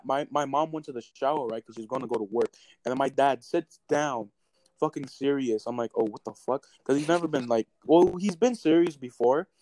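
A young man in casual chat, telling animated stories and swearing constantly. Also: mid-range voice. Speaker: podcast co-host.

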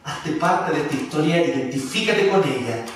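A pastor preaching a sermon, animated, with emphasis that rises and drops. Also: male voice, fairly high pitch, moderate pace, a little hiss or hum. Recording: echoey room from a distance.

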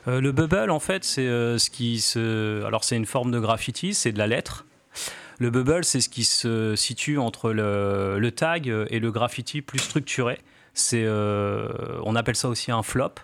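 A man in his forties, a graffiti artist guest on a radio show, explaining slowly with many fillers and restarts. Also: medium pitch, expressive, fairly bright tone. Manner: hesitant, many fillers and restarts, laughs lightly. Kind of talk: casual radio interview.

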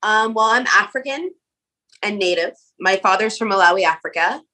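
A woman's voice: mid-range voice, lively intonation, moderate pace, sharp tone, poor audio. A woman from Nova Scotia, a guest in an interview, talking casually with lots of "like" and "um" fillers. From Canada (Nova Scotia). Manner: casual, many "like" and "um" fillers, laughs often.

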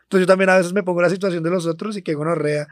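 A man's voice: high-pitched, steady tone, very fast, no echo, studio quality. A young man with a Colombian accent, co-hosting a podcast. He tells a long story in loose slang, swearing freely. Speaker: podcast co-host. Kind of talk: casual storytelling chat.

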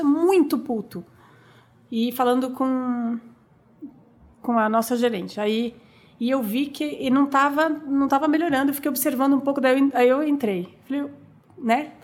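A woman talking as an interview guest, telling stories in an animated, chatty way with lots of fillers and restarts. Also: sits high, moderate pace. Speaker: guest, coffee business owner. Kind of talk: conversational interview storytelling.

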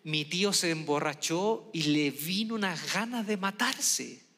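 A man's voice: a little high, unhurried, fairly bright tone. A man from Chile giving a lecture-style talk, telling stories and repeating key points for emphasis. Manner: storytelling, emphatic repetitions. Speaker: speaker. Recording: long hall reverb.

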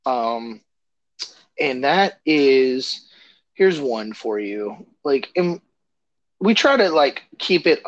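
A man's voice: a little high, no room sound, lo-fi sound. A man co-hosting a podcast in casual chat, rambling loosely with lots of fillers and restarts. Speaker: podcast co-host.

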